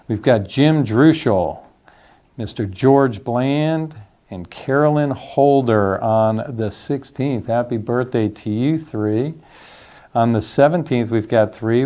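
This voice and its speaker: Mellow-voiced man hosting community announcements. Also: medium pitch. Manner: friendly, upbeat, reads names slowly. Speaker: community host announcing news and birthdays.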